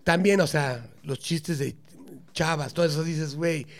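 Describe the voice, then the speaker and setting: A Mexican-accented man tells a rambling anecdote in loose, profane slang, peppering every phrase with swear words. His voice sits high for a man. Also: measured pace. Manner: profane, slangy anecdote-telling with frequent "güey" and "cabrón". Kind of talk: casual chat, storytelling.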